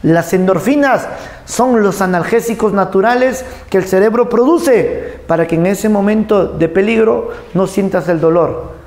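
A man's voice: sits high, measured pace, a little mellow, reverberant. A man teaching an anatomy class, joking, quizzing his students and acting out cries and gasps. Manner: playful, jokey, asks the class questions and acts out sounds. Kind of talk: lively class lecture.

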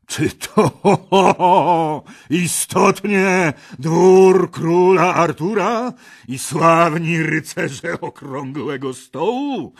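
A man's voice: mid-range voice, husky, voice pushed up. A man voicing a huge green knight with a thundering, scornful voice in an audiobook. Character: booming huge male green knight, mocking.

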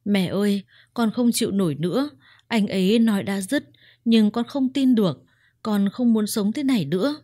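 A woman's voice: medium pitch, expressive, moderate pace, dark tone, dry recording, studio quality, natural voice. A woman voicing a betrayed young wife who speaks in a trembling, accusing way. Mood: tearful. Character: young wife, hurt and angry.

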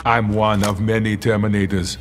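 An actor playing an emotionless male cyborg who speaks in a flat, clipped, smooth machine-like way in video game dialogue. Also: lowish voice, normal speed, over music, close to an everyday voice. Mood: cold.

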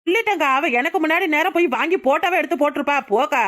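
A woman's voice: sits high, very fast, a bit bright. A woman voicing a pushy young village neighbor in a cartoon, nagging and urging, with a Tirunelveli Tamil accent. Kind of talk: cartoon voice acting.

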